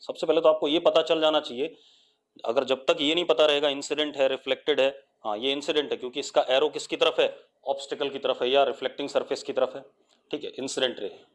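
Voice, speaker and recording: An Indian-accented man holds a live online physics lesson, his mid-range voice keeping a steady tone. He encourages students through repeated questions, gives them time to answer, and spells out definitions in English slowly, word by word.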